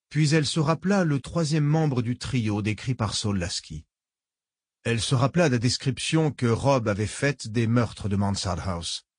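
A man reading an audiobook as narrator, measured storytelling. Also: medium pitch, husky, no room sound, clean studio sound.

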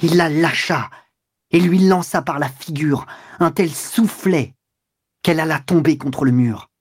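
Male audiobook narrator, husky, measured and dramatic, dry booth sound. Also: fairly high pitch, no echo. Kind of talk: audiobook reading of a classic novel.

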